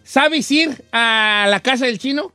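Playful mexican guy hosting, super high voice, dry close sound, some soft music behind. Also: takes it slowly, no room sound. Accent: western Mexican. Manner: playful, animated, explaining regional slang. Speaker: radio show host. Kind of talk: casual chat.

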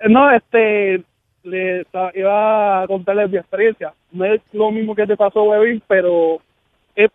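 A man's voice: high voice, fairly even intonation, unhurried, no echo. Male caller on a tinny phone line. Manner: chatty, storytelling. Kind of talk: phone-in chat.

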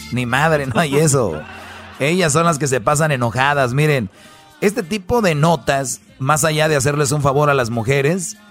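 A man's voice: mid-range voice, no echo. Crude, mocking Mexican male host. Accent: Mexican Spanish. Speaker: show host. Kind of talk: comedic commentary on a web article.

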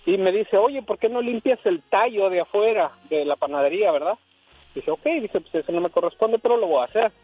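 Man, radio caller, high husky voice, dull radio sound, animated storytelling. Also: a little fast, dry recording. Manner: animated, acts out dialogue. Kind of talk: casual storytelling on air.

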